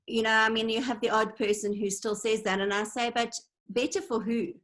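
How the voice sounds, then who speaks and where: Her voice is on the high side and a bit bright, moving little in pitch and running fairly quick. She's a woman in her forties from Zimbabwe, a guest on an online call, recounting stories earnestly and reflectively in casual conversation.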